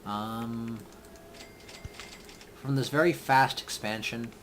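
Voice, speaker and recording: A man's voice: mid-range voice, steady tone, slow, a bit bright, a little hiss or hum. A young man giving casual, rambling gameplay commentary, thinking aloud as he builds and often trailing off mid-thought. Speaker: let's play gamer.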